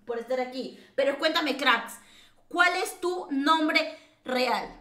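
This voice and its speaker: A Peruvian woman with a Peruvian Spanish accent hosts a game stream, chatting casually and teasing her viewers with plenty of fillers and laughter. Her voice is high and sharp-toned, and she speaks slowly in a reverberant space.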